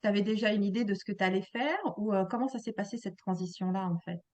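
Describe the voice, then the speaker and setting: A woman's voice: medium pitch, steady tone, fast, a little mellow, dry recording, muffled recording. A woman hosting a casual interview, asking questions hesitantly with many fillers. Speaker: interview host.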